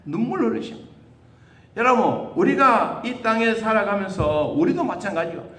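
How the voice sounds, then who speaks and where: A man preaching a sermon as pastor, asking rhetorical questions and acting out the voices he quotes. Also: moderate pace. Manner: animated, with sudden high jumps in pitch and rhetorical questions. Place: church sanctuary. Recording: echoey church hall.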